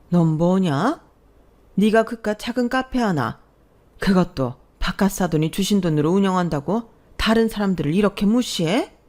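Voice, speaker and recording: A woman's voice: mid-range voice, a little mellow, lightly acted. A woman voicing an angry older mother-in-law who scolds and lectures sternly in a read-aloud story. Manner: scolding, commanding. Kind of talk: storybook voice acting.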